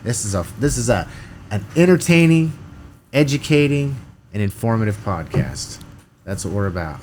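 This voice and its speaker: A man's voice: on the low side, very animated, moderate pace, darkish tone, slight background noise. A man co-hosting a local podcast in casual chat, sarcastic and self-mocking, laughing often and tripping over repeated words. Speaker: podcast co-host.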